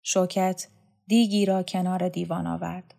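Woman narrator for a serialized novel, calm and steady reading. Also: lowish voice, vocal fry. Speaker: audiobook narrator. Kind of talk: scripted literary narration.

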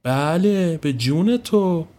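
A man's voice: fairly high pitch, expressive, warm tone, pitched above the performer's own voice, natural voice. A man voicing a sniping, boastful woman. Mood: snide boasting. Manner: indignant, showy, slow stressed delivery. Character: sharp-tongued boastful middle-aged woman.

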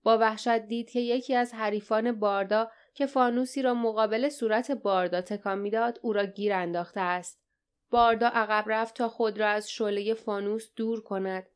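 A woman narrating an audiobook in a steady, dramatic storytelling style. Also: on the high side, clear, resonant tone. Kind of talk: scripted narration.

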